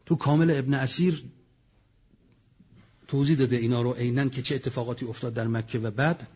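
A man's voice: mid-range voice, fairly even intonation, darkish tone, breathy edge, dull audio. A man giving a religious lecture, telling history with dramatic storytelling and sudden raised outbursts. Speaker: preacher.

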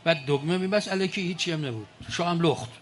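A man's voice: a little high, a little hiss or hum. An older man speaking to an audience in a colloquial storytelling manner, with mocking asides.

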